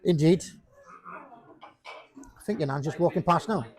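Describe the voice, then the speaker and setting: A man's voice: a little high, moderate pace, darkish tone. A man giving casual, jokey live commentary on a pool match, rambling and repeating himself. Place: pub during a pool match.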